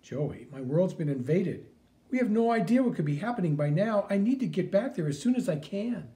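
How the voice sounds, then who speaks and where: A man's voice: high-pitched, sing-song, brisk, dark tone, pitched above the performer's own voice. A man reading an audiobook, voicing an earnest heroic cartoon mouse superhero who talks with urgency and a touch of wounded pride. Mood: urgent.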